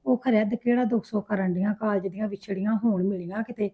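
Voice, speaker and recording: A woman's voice: medium pitch, fairly even intonation, fast, husky, close to an everyday voice. A middle-aged woman playing a worried widowed mother who soothes her grown daughters. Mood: soothing. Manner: soothing, fretful. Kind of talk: web drama acting. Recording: tinny phone-like sound.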